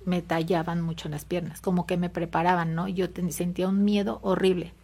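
A woman's voice: lowish voice, flat delivery, brisk, a little mellow. A Mexican woman telling a personal story in an interview, hesitant and full of fillers and tag questions. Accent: Mexican Spanish. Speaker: interview guest.

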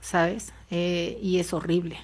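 Mexican woman, fairly low voice, halting storytelling in an interview w lots of fillers. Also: level tone. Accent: Mexican Spanish. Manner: hesitant, with frequent fillers and tag questions. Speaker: interview guest. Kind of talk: telling a personal story in conversation.

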